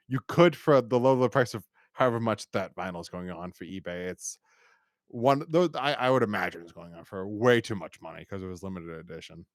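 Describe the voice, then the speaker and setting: Speaking in a mid-range voice with no echo, this man from the United States hosts a casual review podcast. His talk is loose and wordy, broken up by stammering restarts.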